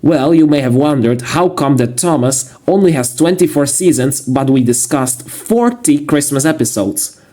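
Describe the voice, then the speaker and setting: A man narrating a casual video review in a monotone, matter-of-fact way. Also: a little high, moderate pace. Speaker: YouTube reviewer.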